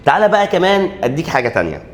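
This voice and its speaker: A man with an Egyptian Arabic accent and a slightly high voice teaches an exam-prep English grammar lesson with animated energy. He poses students' questions and answers them himself, drawing out key letters slowly.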